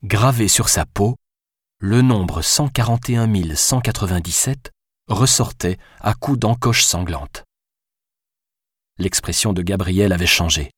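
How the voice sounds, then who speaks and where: A man narrating an audiobook novel in a measured, even storytelling manner. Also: fairly low pitch, breathy edge, no room sound, clean studio sound. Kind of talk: scripted narration.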